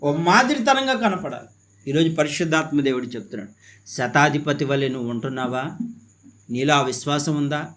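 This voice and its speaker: A man's voice: fairly high pitch, expressive, normal speed, a bit bright. A man preaching a sermon in a fervent way, repeating phrases and putting questions to his listeners.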